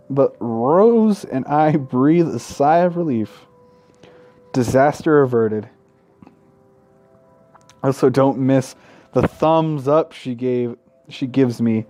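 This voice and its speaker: A man with a medium-pitched, dark voice hosts a gaming video, reading visual novel text aloud and adding casual, irreverent commentary. Between passages he heckles, swearing freely.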